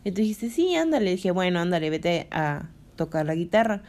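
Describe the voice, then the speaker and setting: Woman, Mexican accent, casual chat, lively storytelling, acts out quotes. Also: fairly low pitch, normal speed. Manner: animated retelling with acted-out quotes and shrieks.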